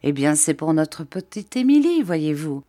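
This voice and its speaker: Woman reading hearty old fisherman guy, friendly and chatty, gets excited. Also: sits low, a little slow, full character voice. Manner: cordial, talkative, enthusiastic.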